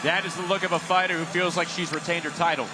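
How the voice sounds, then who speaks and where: A man giving polished live boxing play-by-play, with measured, emphatic broadcast phrasing. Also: on the high side, steady tone, heavy background noise. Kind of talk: polished live sports commentary.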